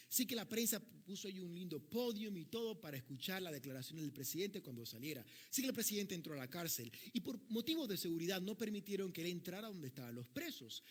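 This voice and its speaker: Husky-voiced male pastor telling a parable. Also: high voice. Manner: tells a parable, acting out quoted voices in dialogue. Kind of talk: sermon storytelling.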